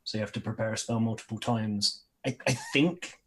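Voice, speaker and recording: A man with a husky voice, talking casually as a player in a tabletop game. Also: lowish voice, a little fast, a bit bright.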